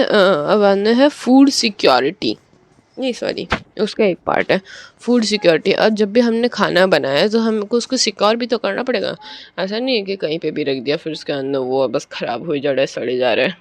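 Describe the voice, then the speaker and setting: A man teaching a chapter in a casual way. He reads out the headings slowly, then explains them with homely examples and corrects himself as he goes. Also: sits high, gravelly, slight background noise. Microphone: own microphone, adjusted while talking.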